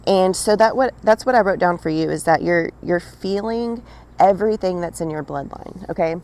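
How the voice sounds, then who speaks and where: A woman with a raspy, fairly low, slightly mellow voice delivers a casual channelled spiritual message at normal speed. She speaks directly to the listener, frequently adding "right?" and "okay?".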